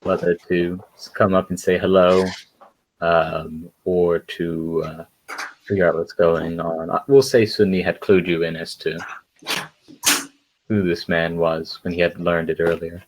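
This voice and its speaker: A man with a low, deep voice runs a tabletop game as its game master. He narrates in a halting way, pausing often with fillers. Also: little pitch movement, noisy background. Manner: hesitant, lots of fillers.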